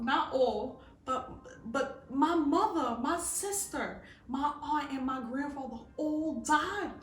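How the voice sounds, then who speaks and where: A woman's voice: sits high, echoey room, distant mic. A woman giving a fervent, preachy faith talk to camera, calling her listeners "baby" and asking if they hear her. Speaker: faith vlogger.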